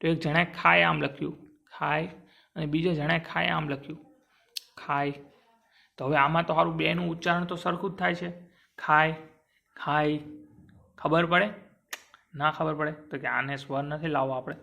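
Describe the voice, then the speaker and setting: A man teaching an exam-prep grammar lesson, drawing sounds out slowly and asking and answering his own questions. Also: on the high side, level tone, creaky, bright, forceful tone.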